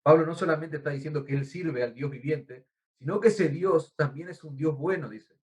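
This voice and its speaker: A pastor with an Argentine Spanish accent preaches a sermon in a fairly high, slightly mellow voice at a normal pace. He is earnest and teacherly, explaining words and spelling them out, and often calls the congregation "brother."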